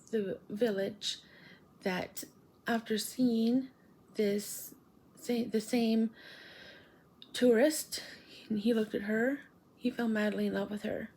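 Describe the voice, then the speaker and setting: A woman's voice: medium pitch, steady tone, slow pace, pauses often, mellow, slightly rough, rough recording. A woman talking casually and hesitantly in a late-night challenge vlog, rambling as she goes. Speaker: vlogger.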